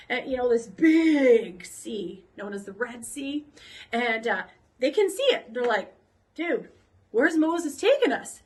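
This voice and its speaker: A woman children's pastor telling a Bible story to kids, casual and animated, acting out the crowd's voices. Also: sits high, rough recording.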